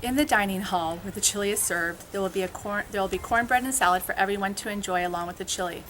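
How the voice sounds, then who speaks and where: A woman's voice: medium pitch, quick pace, a bit bright, a little hiss or hum. A woman co-chairing a school fundraiser, reading a friendly scripted announcement. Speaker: event co-chair.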